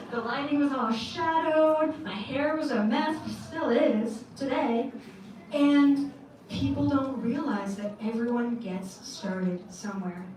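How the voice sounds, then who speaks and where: A woman's voice: a little high, slight background noise. A Canadian woman giving a candid, storytelling talk on stage to an audience. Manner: candid, storytelling, casual swearing. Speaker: speaker on stage. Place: large event hall. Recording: echoey hall recorded from far off.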